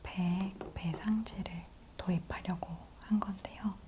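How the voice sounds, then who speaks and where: A woman host whispering softly and close in an ASMR news briefing, gently explaining things to the listener. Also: fairly low pitch, steady tone, noisy background. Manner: slow, gentle explaining to the listener in polite speech.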